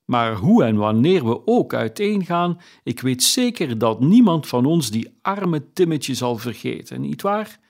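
A man voicing a kindly, humble middle-aged clerk and father, speaking earnestly in a slow audiobook reading. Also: mid-range voice, big pitch swings, vocal fry, a little mellow. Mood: earnest, fatherly.

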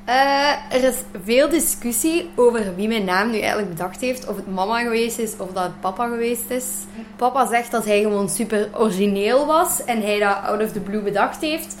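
A young woman from Limburg, a student answering interview questions in a relaxed, thoughtful way with many fillers. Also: a little high, moderate pace, a little hiss or hum. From Belgian Limburg. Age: 20s. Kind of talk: casual interview.

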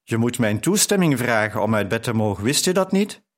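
A man's voice: mid-range voice, sing-song, brisk, natural voice. A man playing a teasing, commanding nobleman. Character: commanding Persian nobleman, teasing and self-assured.

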